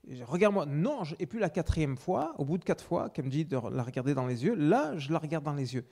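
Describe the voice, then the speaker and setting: A male preacher recounts a personal testimony to his congregation in a mellow, dark voice. He often restarts his phrases, and his volume rises for emphasis before dropping to quiet asides. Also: fairly high pitch, big pitch swings, brisk, creaky. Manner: storytelling with many restarts, swings between loud and hushed.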